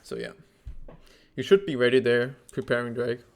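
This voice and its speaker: A man reviews a game replay as a coach, talking bluntly and teasing the player. His voice has a gravelly edge and sits at an ordinary middle pitch. He is slightly out of breath as he talks. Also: wildly swooping pitch, normal speed. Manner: blunt, teasing, thinks aloud with fillers. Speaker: esports coach.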